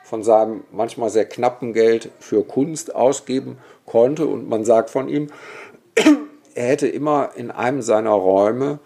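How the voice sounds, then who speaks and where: In a gravelly, dark, mellow voice of medium pitch, an unhurried man tells stories as a guest in a relaxed, vivid and opinionated way, with many small asides. He is a historian and cemetery expert from Germany's Bergisch Gladbach area.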